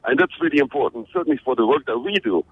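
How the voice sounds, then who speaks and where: A man's voice: mid-range voice, racing, husky. A middle-aged man from Belgium answers radio interview questions with energy, stumbling and restarting as he goes. His voice sits in a middle register and comes through thin and narrow, like a phone line. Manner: energetic, many restarts and fillers. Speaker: interview guest, social media trainer. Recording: phone-like narrow band audio.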